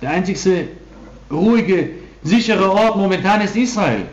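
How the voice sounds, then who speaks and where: A man's voice: high-pitched, animated, unhurried. Emphatic male preacher in a roomy hall. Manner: emphatic preaching with frequent restarts. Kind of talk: sermon. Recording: dull roomy hall recording.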